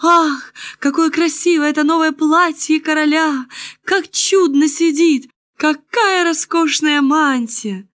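Townsfolk in a fairy tale, exclaiming in gushing admiration, voiced by a woman reading aloud. The voice jumps well above her narration and rings out loudly. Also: high-pitched, takes it slowly, dry recording, studio quality, pitched above the performer's own voice.

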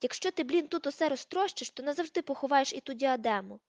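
A sharp, arrogant teenage boy, as a woman acts him out, snapping irritated orders in a storybook. The voice is high and close. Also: lively intonation, fast, dry recording. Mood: commanding.

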